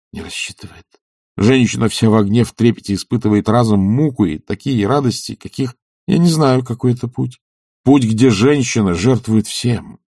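A brooding young nobleman presses his case in an earnest, searching way, as a male narrator reads him. The voice is low and gravelly. It sounds close and dry. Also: mellow, no echo. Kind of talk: audiobook character reading.

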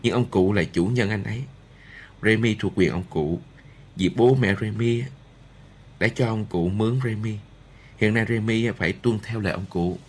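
A man voicing a gentle, kind noblewoman and mother in an audiobook, speaking softly. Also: fairly low pitch, moderate pace, slightly rough. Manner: soft, gentle.

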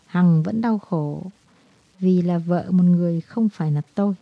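Low-voiced woman narrating a novel. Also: moderate pace, vocal fry, no echo. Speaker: audiobook narrator. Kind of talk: scripted narration of a romance novel. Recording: dull, dry lo-fi recording.

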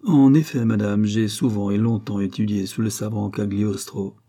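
A man voicing a composed, dignified doctor who answers in calm, measured tones. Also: lowish voice.

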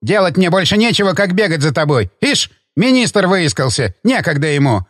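A man's voice: sits high, sing-song, moderate pace, no room sound, clean studio sound. A man reading an audiobook, voicing a domineering older hotel owner who barks and bullies. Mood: furious. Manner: barking, bullying, shouting.

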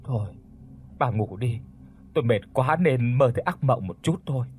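A man voicing a frightened, guilt-ridden older husband who answers in low, evasive mumbles. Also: expressive, normal speed, darkish tone, natural voice. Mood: weary.

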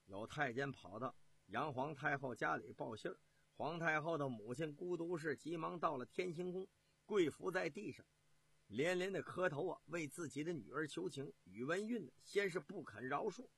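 Animated male storyteller, bright husky voice. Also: on the high side, moderate pace. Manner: animated, chatty asides to listeners. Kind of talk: traditional Chinese storytelling performance.

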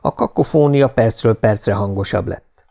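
A man narrating an audiobook in an even, measured storytelling manner. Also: fairly low pitch, creaky.

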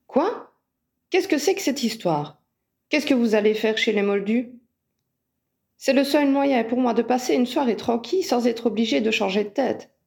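Brief: grumbling young male wizard, sulky and wary, mellow tone, read by a woman narrator. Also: on the high side, moderate pace, gravelly. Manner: sulky, reluctant.

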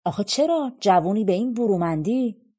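Fairy-tale king, read by a woman: worried, earnest, begging a favour, low husky tone. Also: expressive, a little mellow. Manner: earnest and pleading. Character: anxious old king seeking a content man.

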